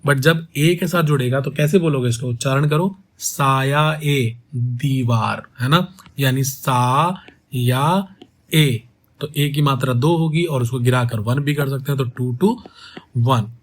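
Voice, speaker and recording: A man teaching poetic meter, asking his students rhetorical questions and saying each word slowly to show how it is pronounced. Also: mid-range voice. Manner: asks rhetorical questions and repeats words slowly to show pronunciation. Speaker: poetry teacher. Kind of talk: explaining step by step to students.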